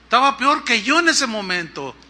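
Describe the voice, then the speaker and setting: Male pastor, high bright voice, lively storytelling sermon. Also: moderate pace. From Mexico. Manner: storytelling, acts out dialogue with shifting pitch and volume. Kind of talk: sermon testimony.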